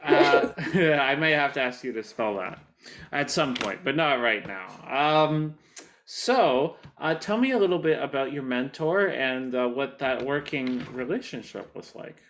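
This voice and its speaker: A man's voice: mid-range voice, lively intonation, unhurried, fairly bright tone, a little hiss or hum. A man interviewing a guest, asking questions hesitantly, with many "uh"s and "um"s. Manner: hesitant, filled with "uh" and "um".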